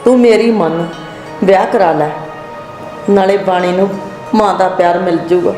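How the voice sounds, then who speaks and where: A woman's voice: lowish voice, steady tone, normal speed, natural voice. An older woman with a Punjabi accent, acting an insistent mother who keeps urging her son to remarry. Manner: insistent, scolding. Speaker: nagging mother. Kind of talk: village drama acting. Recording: echoey room with loud background music.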